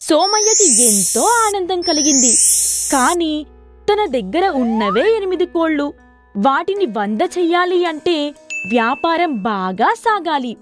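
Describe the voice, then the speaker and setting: A woman with a high-pitched voice narrates a scripted moral story for children. Her storytelling is expressive and clearly phrased.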